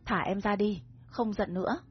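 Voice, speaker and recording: A woman voicing a shy, naive young woman in a romance story, playful and husky, over soft music. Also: medium pitch, fairly even intonation, normal speed. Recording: dull recording with soft music.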